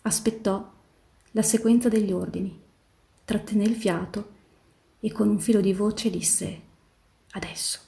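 A woman reading a novel aloud in a steady, measured way, slowing down on the tense passages. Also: mid-range voice, creaky. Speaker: volunteer reader in a reading marathon. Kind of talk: literary read-aloud narration.

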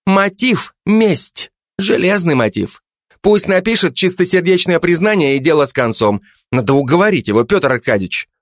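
A man's voice: on the high side, lively intonation, moderate pace, no room sound, studio quality, voice pushed up, lightly acted. A man voicing a brash bossy policewoman. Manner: loud, domineering, scolding. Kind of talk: audiobook character voice.

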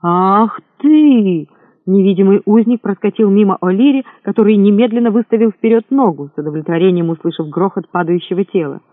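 A man narrating a story with scripted, lively storytelling. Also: sits high, fast talker, hardly any pauses, no echo. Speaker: audiobook narrator. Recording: thin phone-like sound, dry.

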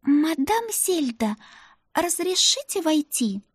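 A woman voicing a young, timid and anxious maid girl, speaking in a high, soft, fretful voice. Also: sing-song, slow, no room sound, studio quality, full character voice.

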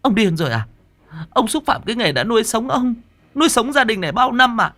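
High, wailing middle-aged wife and ex-actress, begging and protesting, as a male narrator puts her on. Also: very animated, fairly quick, fairly bright tone, faint music behind, heavily acted. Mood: indignant.

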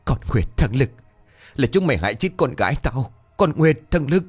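A man voicing a terrified and furious male district official in a ghost story, stammering and shouting curses. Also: on the low side, animated, fast, breathy edge, soft background music. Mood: enraged.

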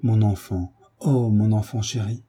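A man's voice: lowish voice, a little slow, mellow, husky. A man reading a tender young mother.

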